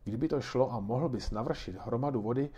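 A man's voice: mid-range voice, warm tone, slightly rough, natural voice. A man reading aloud and voicing a kindly grandmother who patiently explains things to children. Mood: patiently explaining.

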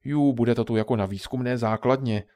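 A man's voice: medium pitch, sing-song, darkish tone, no echo, clean studio sound, close to an everyday voice. Man doing an eager little boy. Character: eager curious young boy.

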